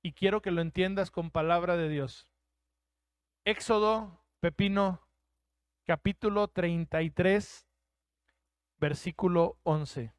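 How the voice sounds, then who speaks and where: Man, mexican spanish accent, pastor's sermon, high voice, dry close sound. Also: takes it slowly, long pauses, clean tone, no echo. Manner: emphatic preaching, plays out quoted voices.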